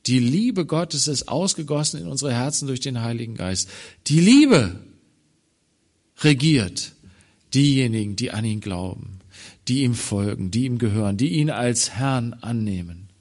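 A man preaching a sermon on a Bible passage, swinging from loud emphatic phrases to quiet low ones. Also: animated. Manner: slow, deliberate delivery.

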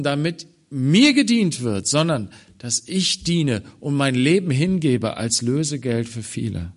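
A man preaching a sermon on a Bible passage, swinging from loud emphatic phrases to quiet low ones. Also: breathy edge. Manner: slow, deliberate delivery.

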